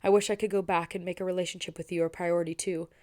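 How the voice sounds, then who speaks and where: A woman's voice: lowish voice, flat delivery, very fast, darkish tone, lightly acted. A woman voicing a humble older brother from a farm who talks earnestly and with regret, read in an audiobook style. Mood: regretful. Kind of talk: audiobook reading.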